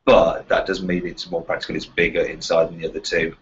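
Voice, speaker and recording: A man's voice: low-pitched, little pitch movement, a little fast. A British man presenting a casual car question-and-answer chat in a chatty, bantering way. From Walsall, West Midlands of England. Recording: slightly dull, lo-fi sound.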